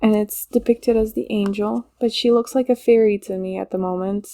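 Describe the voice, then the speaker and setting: A woman's voice: mid-range voice, fairly even intonation, moderate pace, mellow. A woman giving a casual channeled tarot reading, chatty and rambling, laughing often and repeating herself. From Poland. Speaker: tarot reader.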